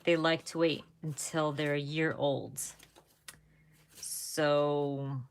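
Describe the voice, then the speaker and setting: A young woman with a low, deep-set voice talks casually to viewers while she crafts on a livestream. Her talk rambles and she keeps stopping to correct herself. It sounds like a relaxed live chat. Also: extremely slow, clean tone.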